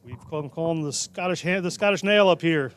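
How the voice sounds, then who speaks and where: A man calling live rugby play-by-play in a brisk, jokey way. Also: a little high, clear, resonant tone. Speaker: play-by-play commentator.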